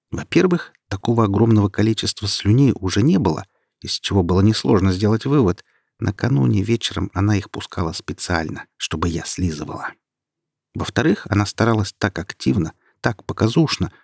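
Here a low, husky male voice narrates an audiobook at a steady, even pace. The sound is dry and close-miked, with no room sound at all.

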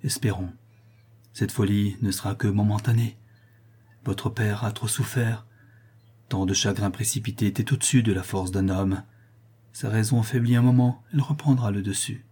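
Male reader as a solemn protector, low, husky, reassuring. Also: steady tone, moderate pace, warm tone. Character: solemn nobleman, steady protector. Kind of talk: audiobook character reading.

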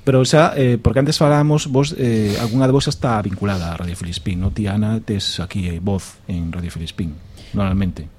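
A man with a Galician accent hosting a live radio show in a relaxed, joking, chatty way. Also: on the low side, brisk, few pauses, slight background noise. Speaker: radio host. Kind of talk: casual live radio chat.

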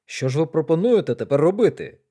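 A man voicing a loud, blustering older military colonel who speaks abruptly and exclaims. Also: a little high, big pitch swings, quick pace, breathy edge.

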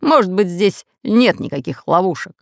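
A woman voicing a fat, red-bearded, bossy pirate captain in an audiobook, speaking in a gruff, commanding way. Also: medium pitch, very animated, moderate pace, a little mellow, no echo, clean studio sound. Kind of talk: audiobook character voice.

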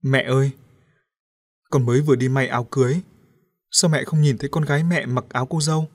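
A man's voice: medium pitch, steady tone, a little fast, no echo, studio quality, close to an everyday voice. A man voicing a grieving young woman. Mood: grief-stricken pleading. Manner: pleading, tearful, rising cries. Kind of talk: audiobook character voice.

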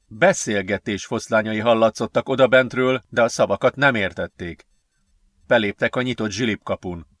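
A man narrates a science-fiction adventure book in a steady, measured storytelling voice. His pitch is middling and plain. The recording is dry and close, with no room sound. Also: dry recording. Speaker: audiobook narrator. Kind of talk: scripted narration.

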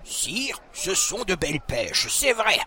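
Man doing a slow scheming court minister. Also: high voice, very animated, creaky, bright, forceful tone, voice pushed up, full character voice. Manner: slow, deliberate, persuasive. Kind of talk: storybook reading.

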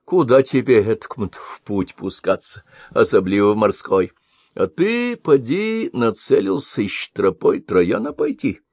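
A man's voice: big pitch swings, a little mellow, slightly rough, no room sound, heavily acted. A man reading an audiobook voices a cunning old crone who ferries travelers and mocks them. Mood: sly. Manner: high cracked wheedling old-woman voice, slow and drawn out. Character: cunning old crone ferrywoman, mocking and sly.

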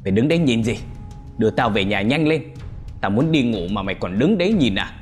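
A man doing a hoarse, drunken old husband. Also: lowish voice, very animated, fairly quick, soft background music. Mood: drunken rage. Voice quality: hoarse, thick voice.

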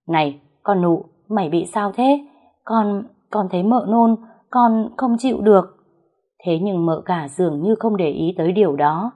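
A woman narrating a first-person story in a calm storytelling voice. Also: lowish voice, husky.

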